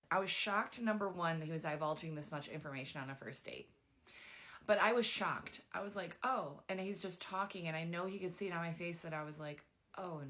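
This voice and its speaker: A young woman casually telling a dating story, chatty and animated, with lots of filler words. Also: lowish voice.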